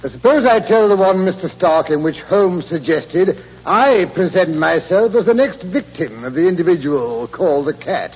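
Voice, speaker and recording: Doctor Watson, fussy English storyteller, old radio. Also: male voice, high-pitched, lively intonation, moderate pace, few pauses. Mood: genial storytelling. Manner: avuncular, fussy, indignant when teased. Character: genial, fussy older English doctor, detective's companion and storyteller. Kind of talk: 1940s radio acting. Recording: muffled, noisy old 1940s radio recording.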